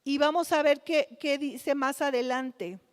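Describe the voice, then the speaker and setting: Woman preacher, measured pace and higher voice, rhetorical questions, live church hall reverb. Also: steady tone. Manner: asks the congregation rhetorical questions, slow and deliberate. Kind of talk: sermon.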